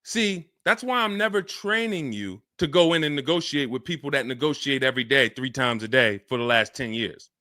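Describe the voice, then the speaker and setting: A man hosting a live car-buying Q&A stream, talking fast and energetic and acting out buyers and salesmen in quick asides. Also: medium pitch, no echo, studio quality. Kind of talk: live-stream Q&A, casual and animated.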